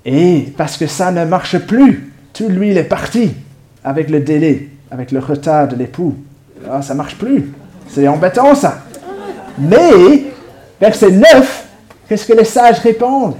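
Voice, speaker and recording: A man, acting out a Bible story with volunteers and props, lively and lightly humorous. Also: sits high, measured pace. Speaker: preacher.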